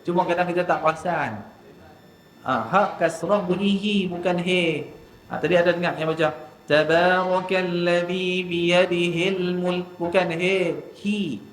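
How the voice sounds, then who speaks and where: Man teaching recitation in an echoey mosque. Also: high-pitched. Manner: demonstrates letter sounds slowly, then explains briskly. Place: mosque hall. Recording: echoey mosque hall with faint ambience.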